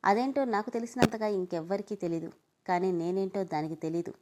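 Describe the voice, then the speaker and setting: A woman's voice: mid-range voice, steady tone, brisk, background noise, natural voice. A woman voicing a defiant, bitter young man who answers in clipped, scornful retorts.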